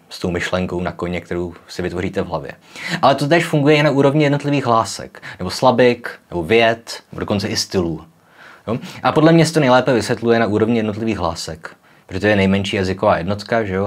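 A man's voice: lowish voice, slightly rough. A young man hosting a casual popular-science video, explaining in a chatty way with frequent tag questions and demonstrating sounds aloud. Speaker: educational video host.

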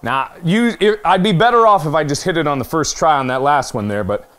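A young man giving let's play commentary on a virtual reality zombie shooting game, swearing and joking, dropping to mutters and jumping to yelps and shouts. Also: on the high side, expressive, brisk, slight background noise. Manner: swears and jokes while playing. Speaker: gaming YouTuber.

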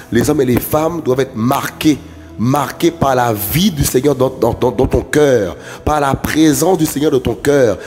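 A man preaching in a fervent prophetic worship style, repeating phrases over and over like a chant. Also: medium pitch. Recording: long hall reverb with soft music. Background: soft worship music.

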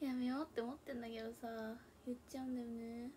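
A young woman with a mixed Hakata and Kansai dialect chats casually into a tablet in her room at home. Her voice sits a touch high, and she keeps slipping into quiet murmured asides to herself. A faint hiss runs under her voice. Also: level tone, fast. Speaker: idol livestreamer. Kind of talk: casual livestream chat. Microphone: tablet or phone device.

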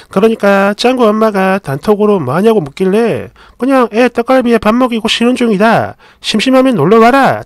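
A man's voice: high voice, a little mellow, dry recording. A man narrating a first-person story in a chatty, sardonic, exasperated way.

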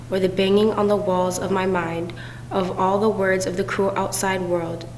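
A young woman reading her poem from the page, soft and earnest. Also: medium pitch, a little hiss or hum. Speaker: poet. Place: community room, indoors. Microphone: stand mic. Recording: echoey room with long reverb.

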